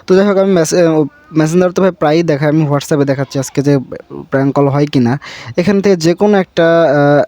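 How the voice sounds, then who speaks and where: The speaker is a Bangladeshi man whose voice is fairly high, fast and darkish in tone. Hosting a casual, unscripted app tutorial, he circles back over the same points, treats viewers like brothers, and often tags on check-in questions.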